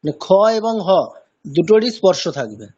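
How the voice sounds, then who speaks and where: A man's voice: high-pitched, very animated, moderate pace, mellow, slightly rough, highs cut off. A man teaching a pronunciation lesson in an online class, patiently repeating sounds to demonstrate them. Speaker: chanting teacher.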